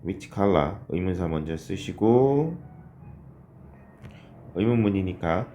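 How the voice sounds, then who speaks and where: A man teaching English grammar in a recorded online lesson, explaining patiently step by step, asking questions and answering them himself, and reading English sentences out slowly. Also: low-pitched, expressive, dark tone, highs cut off, a little hiss or hum.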